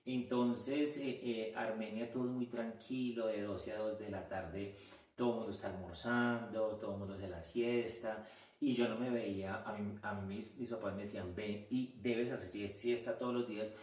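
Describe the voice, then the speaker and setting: A man's voice: on the low side, fairly even intonation, moderate pace, darkish tone, far from the mic. A man from Colombia with a Colombian accent, chatting as a podcast guest, full of fillers and restarts. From Colombia, Quindío region. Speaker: guest, orthodontist. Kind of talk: casual interview chat. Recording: echoey room, voice a bit off-mic.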